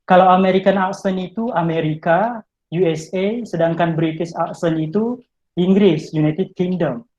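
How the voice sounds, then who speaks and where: Over a video call, a male English tutor gives study tips in an online talk, walking his listeners through each step and addressing them directly. His voice is high-pitched and somewhat dark, at a moderate pace, and the top frequencies are cut off.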